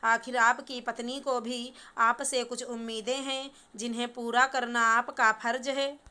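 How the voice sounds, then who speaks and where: A bossy middle-aged mother-in-law scolds and lectures, read by a woman. The voice is bright, crisp and fairly high. It keeps an even, storybook tone. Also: measured pace. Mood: pleading. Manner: stern, lecturing. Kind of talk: storybook reading.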